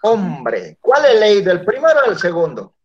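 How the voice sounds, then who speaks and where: A man's voice: high voice, very animated, a little fast. A male teacher giving a classroom lecture, often checking in with his students through tag questions. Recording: dull lo-fi classroom recording.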